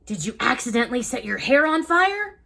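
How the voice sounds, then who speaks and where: A woman's voice: high voice, very animated, a little fast, creaky, sharp tone, pitched below the performer's own voice, heavily acted. A woman voicing a cheerful, silly narwhal superhero boy, reading a children's storybook aloud with a playful, joking manner.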